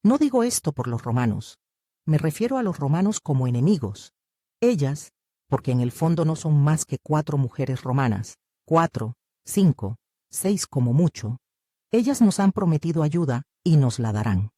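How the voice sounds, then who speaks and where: Bitter, defensive male disciple, voiced by an audiobook reader: husky, dark and dry, with a lively, swinging delivery. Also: mid-range voice, moderate pace, no echo. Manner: bitter, argumentative, protesting. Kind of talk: audiobook reading.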